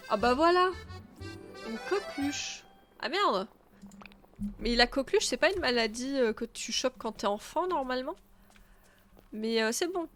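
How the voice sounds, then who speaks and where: A woman with a stuffy nose streams a game, chatting casually, thinking out loud and replying to her chat. Her voice sits on the high side with a fairly bright tone. Faint game music plays behind her.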